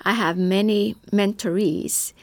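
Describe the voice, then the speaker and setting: A woman's voice: medium pitch, steady tone, takes it slowly, no echo. A woman who mentors young mothers, speaking in a faith-based podcast discussion in an encouraging, affirming way.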